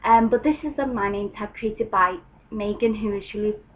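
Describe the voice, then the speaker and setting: Chatting casually at normal speed in a mid-range voice, a young woman from England records a home video and says um frequently. The sound is lo-fi, and an open window in her room lets faint ambient noise in.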